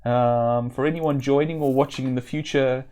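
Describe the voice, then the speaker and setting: A man's voice: mid-range voice, fairly even intonation, moderate pace, mellow, smooth. A man giving casual commentary as he streams a game, musing aloud with dry asides.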